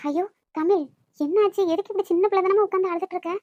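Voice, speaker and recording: A woman voicing an outspoken, sharp-tongued young woman in an animated story. She speaks with a Nagercoil Tamil accent and talks in a quick, teasing, scolding way. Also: very high-pitched, dull audio, over music. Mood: worried. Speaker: voice actor for an animated love story. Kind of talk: cartoon voice acting.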